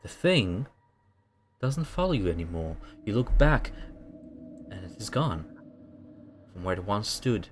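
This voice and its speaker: A man narrating a tabletop role-playing game as game master, setting scenes in a halting, descriptive way. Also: lowish voice, sing-song, slight background noise.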